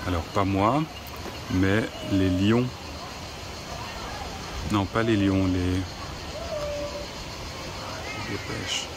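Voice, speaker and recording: Guy, lowish voice, slow and hesitant, lots of euhs, outdoor noise behind. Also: steady tone. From Switzerland. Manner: slow, hesitant with many fillers. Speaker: French teacher vlogger. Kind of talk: casual vlog narration. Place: outdoors at a zoo.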